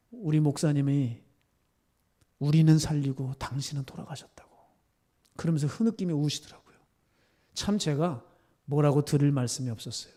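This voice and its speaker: A man preaching a sermon as pastor, telling a story that swings from soft near-whispers to tearful, fervent climaxes. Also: on the high side. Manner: storytelling, rising to emotional fervor, dropping to soft near-whispers.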